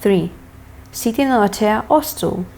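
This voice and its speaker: A woman instructor reading scripted lesson narration in a measured, deliberate way, setting out each step separately. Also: mid-range voice, expressive, creaky, darkish tone. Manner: measured, deliberate, enunciating list items one by one. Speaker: hypnosis course instructor.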